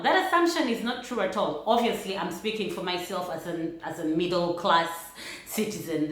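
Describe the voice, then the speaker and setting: A Ugandan woman vlogger with a Ugandan accent talks to camera casually, working through her points in a thoughtful, measured way and laughing lightly between them. Her voice is lowish and fairly bright, and the room is very echoey.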